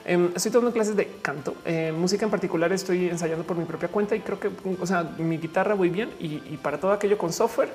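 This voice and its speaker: A woman's voice: lowish voice, fast, few pauses, darkish tone, faint music behind. Chatty Mexican woman reading comments. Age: 40s. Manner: chatty, reads comments aloud, laughs often. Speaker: streamer answering chat. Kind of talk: casual live chat.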